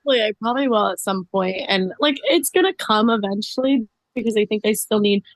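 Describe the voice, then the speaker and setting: A woman's voice: mid-range voice, fairly quick, no room sound. Chatty woman guest, dry sound. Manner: chatty, fills speech with "like" and "um". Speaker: interview guest. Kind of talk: casual podcast interview.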